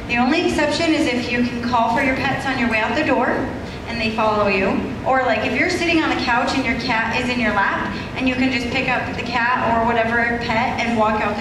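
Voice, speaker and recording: A woman's voice: fairly high pitch, a little fast. A woman giving an instructive safety talk to young children, asking simple questions and answering them, over a microphone in a large indoor room. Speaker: firefighter safety educator. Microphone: handheld microphone through speaker, recorded from across room. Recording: very echoey hall PA, noisy room.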